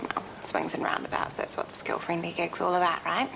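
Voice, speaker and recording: A woman's voice: lowish voice, big pitch swings, brisk, creaky. An actress in her twenties playing an upbeat, reassuring nurse in a TV soap. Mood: easygoing. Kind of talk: television soap opera dialogue. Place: indoor clinic nurses' desk. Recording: noisy ambient TV soundtrack.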